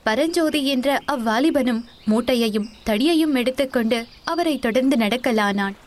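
A woman reading a classic novel aloud as narrator, in a descriptive, steady storytelling manner. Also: a little high, slight background noise.

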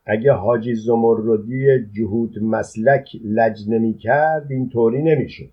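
A man voicing a stocky, hard-nosed male farm boss who talks loud, curt and dismissive in a read-aloud story. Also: medium pitch, slightly rough, lightly acted. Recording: dull lo-fi recording.

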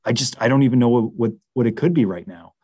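A man's voice: mid-range voice, quick pace, warm tone, breathy edge, dry recording. A man with a Massachusetts accent, analyzing baseball prospects in a casual interview, chatty with lots of fillers and restarts.

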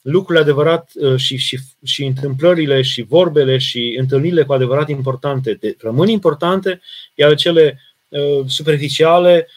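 A Romanian priest answering viewers' questions in a live sermon, earnest and emphatic, with frequent restarts and fillers. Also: male voice, on the high side, steady tone. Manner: reads out viewer questions and answers them plainly.

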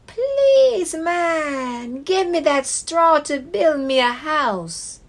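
A tiny storybook piglet with a high, squeaky voice that jumps well above a normal reading tone, as a woman reading aloud puts it on. It talks slowly and sounds a little thin, as if voiced away from the mic. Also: very animated, full character voice. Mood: pleading. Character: small timid little pig, high squeaky.

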